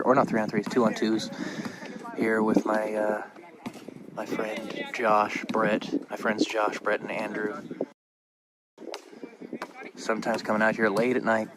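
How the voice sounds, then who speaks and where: Guy w a lowish voice doing a casual vlog outside, reflective unscripted chat, noticeable background noise. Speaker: vlogger. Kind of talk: casual vlog talk to viewers. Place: outdoors in a park. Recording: clear background ambient noise.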